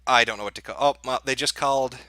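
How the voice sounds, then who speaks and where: A man's voice: medium pitch, fast talker, sharp tone, no room sound, clean studio sound. A man hosting a livestream as an off-the-cuff election night analyst, thinking aloud as he reads out results in casual live commentary. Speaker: livestream host.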